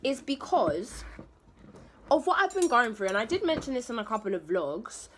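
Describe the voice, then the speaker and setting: A woman vlogger talks candidly to her phone camera in her bedroom, rambling and eating as she chats. Her fairly high voice swings widely in pitch at a normal speed, against a noisy background.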